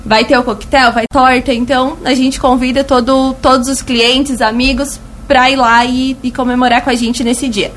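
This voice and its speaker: A woman with a high-pitched, thin and reedy voice that sounds slightly cracked. She talks colloquially as a store representative in a radio interview, repeating points for emphasis, with faint noise behind her. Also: level tone, moderate pace, hardly any pauses, a bit bright. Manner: colloquial, fond of diminutives and emphatic repetition. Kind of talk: conversational promotional interview. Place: radio studio.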